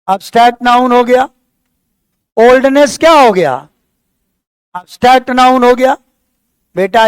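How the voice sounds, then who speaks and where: A man's voice: very high-pitched, smooth, dry recording. A male teacher tells a story and keeps asking his class questions.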